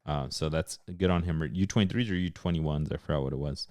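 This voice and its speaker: Deep-voiced man chatting soccer casually. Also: a little fast, darkish tone, dry recording. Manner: laid-back, mixes English and Spanish. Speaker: podcast co-host. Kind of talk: casual sports chat.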